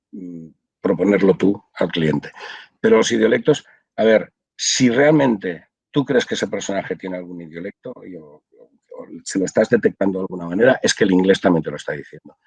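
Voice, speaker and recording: A man's voice: sits low, darkish tone, breathy edge, no room sound, rough recording. An older man from Spain, a translator, explaining his work at length in a casual video-call interview, with many restarts. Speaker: audiovisual translator, interview guest.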